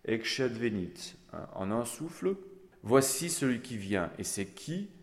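A man teaching Gregorian chant, explaining each phrase slowly with soft fillers and singing the examples himself. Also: mid-range voice, sing-song, in a large hall. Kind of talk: chant lesson with sung examples.

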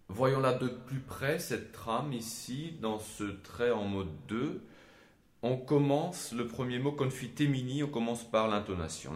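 A man teaching Gregorian chant in a measured, explanatory way, often pausing to hesitate, with short sung examples. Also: lowish voice. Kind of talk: spoken lesson with sung examples. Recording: echoey room.

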